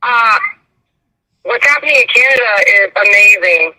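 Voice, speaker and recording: A woman speaking earnestly and plaintively as a phone-in guest in a live interview, over a rough telephone line. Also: mid-range voice, expressive, moderate pace, bright, forceful tone. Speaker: phone-in guest from a protest convoy.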